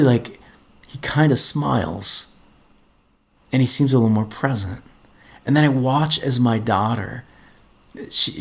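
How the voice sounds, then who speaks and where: A man's voice: mid-range voice, creaky, a bit bright. A middle-aged man, a podcast host, telling a personal story in an earnest way and often repeating words as he gets going.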